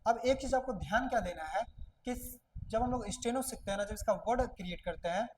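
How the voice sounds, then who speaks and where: A woman's voice: fairly high pitch, a little hiss or hum, rough recording. A woman teaching a shorthand class, who explains step by step and often asks a question and answers it herself. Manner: repeats questions and answers them herself, drawn-out words.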